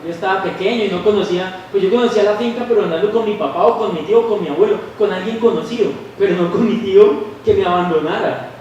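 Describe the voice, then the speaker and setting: High-voiced Colombian preacher in echoey hall. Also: male voice, distant mic, a little hiss or hum. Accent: Colombian Spanish. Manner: animated, acts out voices of people in stories. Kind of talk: sermon with storytelling. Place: church hall.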